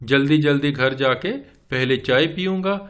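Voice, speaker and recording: A man's voice: mid-range voice, a little slow, a bit bright, smooth, highs cut off, lightly acted. A man voicing a village father who blusters and scolds but is easily scared. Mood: tired content.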